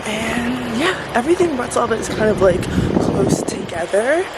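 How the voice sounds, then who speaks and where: A woman's voice: on the high side, sing-song, normal speed. Chatty woman vlogging on a noisy street. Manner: chatty, upbeat, filler-heavy. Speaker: travel vlogger. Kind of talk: casual travel vlog. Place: outdoors on city streets. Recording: loud street and traffic noise. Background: traffic and street noise.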